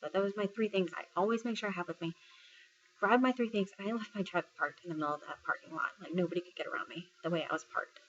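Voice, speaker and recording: A woman's voice: lowish voice, quick pace, highs cut off, slight background noise. A woman from Texas, a military service member retelling a personal story in a casual vlog, full of fillers and quoting what others said. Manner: conversational retelling, filler-heavy, quotes others' words.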